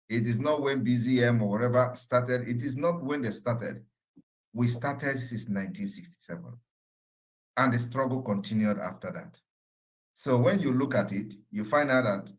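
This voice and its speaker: A man's voice: mid-range voice, low-quality recording. A man answering questions as a political leader in an online meeting, speaking emphatically with repeated rhetorical phrases. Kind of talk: forceful political address.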